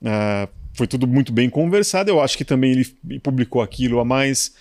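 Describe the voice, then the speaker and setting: A man's voice: mid-range voice, brisk, darkish tone, dry recording, clean studio sound. A man from Brazil, a motorsport journalist, telling anecdotes in casual conversation with colloquial asides.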